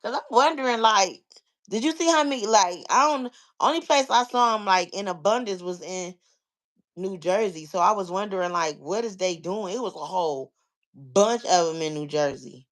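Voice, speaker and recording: American vlogger in casual, unhurried explaining chat. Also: medium pitch, fairly bright tone. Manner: conversational, explaining step by step, repeats "like" and "you know". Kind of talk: casual chat, answering listeners.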